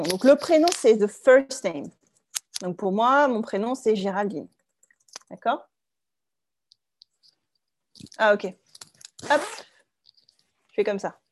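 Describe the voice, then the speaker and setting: Brief: woman in her thirties, French teacher, slightly high voice, patient and clear, checks in often with students. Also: a little mellow. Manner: clear, slow, checks with "d'accord?". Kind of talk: online language lesson.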